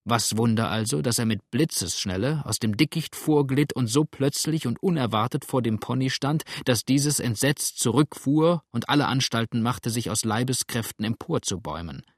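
A man narrating a classic novel in an expressive storytelling manner, recorded close to the mic. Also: mid-range voice, normal speed, few pauses, no room sound. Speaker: audiobook narrator.

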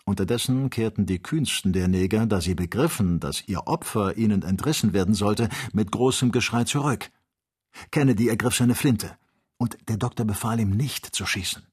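A man reading an adventure novel aloud as an audiobook, with measured, expressive storytelling. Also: lowish voice, breathy edge. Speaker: audiobook reader. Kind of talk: scripted audiobook narration.

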